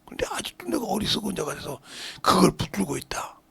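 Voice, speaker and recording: A male pastor preaching a sermon, swinging from shouted lines to hushed whispers. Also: sits high, wildly swooping pitch, a little fast, vocal fry, breathy edge, no echo.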